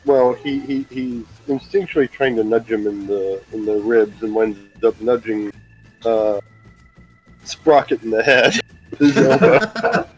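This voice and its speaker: A man playing a tabletop game, describing his character in a relaxed, chuckling way. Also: medium pitch, a little slow, breathy edge, faint music behind, low-quality recording. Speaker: player.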